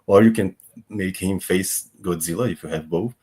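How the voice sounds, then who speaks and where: A man speaking as a game developer on a livestream panel, halting and often repeating words as he begins. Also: deep voice, darkish tone, husky.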